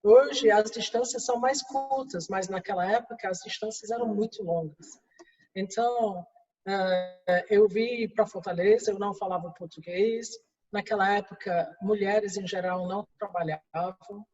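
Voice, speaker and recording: A middle-aged Englishwoman with an English accent, appearing as a guest executive in an interview, answers in a second language with many restarts and fillers. Her mid-range voice is a little slow and darkish, with a breathy edge. The recording sounds distant, roomy and dull.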